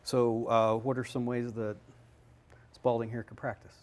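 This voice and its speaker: A man's voice: medium pitch, flat delivery, measured pace. A man working as a golf instructor, explaining swings in a loose, conversational way on a live analysis show.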